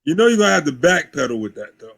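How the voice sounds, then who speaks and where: A man hosting an online call, chatting casually in loose, relaxed restarts. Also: fairly high pitch, rapid-fire, gravelly. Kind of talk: casual chat. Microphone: video call.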